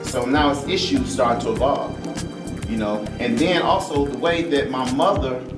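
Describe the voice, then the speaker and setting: Speaking earnestly and emphatically at a normal speed, a man with a medium-pitched voice gives personal testimony in a panel discussion, repeating phrases. The recording is echoey, with a distant mic and loud music.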